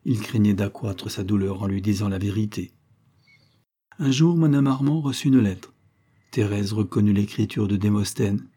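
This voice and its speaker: A man narrating a nineteenth-century short story in a measured, expressive reading. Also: on the low side, husky. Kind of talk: literary audiobook narration.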